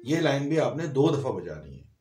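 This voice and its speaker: A man's voice: medium pitch, big pitch swings, normal speed, echoey room. A man giving a piano and vocal lesson, explaining notes step by step and singing short phrases between his explanations. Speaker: music teacher. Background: piano playing.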